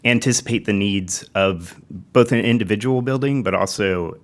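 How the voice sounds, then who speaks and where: A man appearing as a guest on a business podcast, explaining his company's software in a measured, steady way. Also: lowish voice. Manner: measured, explanatory, slight repetitions. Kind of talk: business interview talk.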